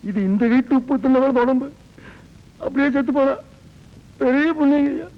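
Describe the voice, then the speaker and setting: An actor playing a humble, devoted servant who speaks deferentially. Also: male voice, very high voice, fairly even intonation, moderate pace, big-room sound. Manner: hesitant, deferential. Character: humble devoted servant man, loyal and timid. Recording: dull lo-fi film soundtrack.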